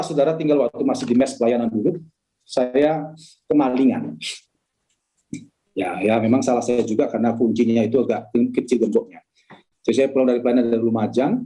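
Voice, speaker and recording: A man preaching a sermon over a video call, weaving in a personal testimony. His voice sits fairly high yet sounds warm and mellow. He keeps turning to his listeners directly as he tells the story. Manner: preaching storyteller, often addresses listeners as brothers and sisters. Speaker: pastor.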